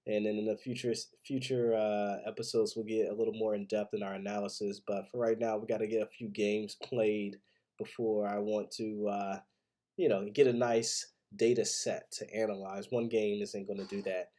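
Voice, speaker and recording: A man with a lowish, mellow voice, congested as if from a head cold, hosts a solo football podcast, giving opinionated commentary and predictions conversationally. He keeps a level tone at a moderate pace.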